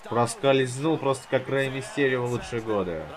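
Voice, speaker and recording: A man's voice: medium pitch, moderate pace, crowd noise. A man commentating his own gameplay like a casual wrestling commentator, teasing and goading the wrestlers as he goes.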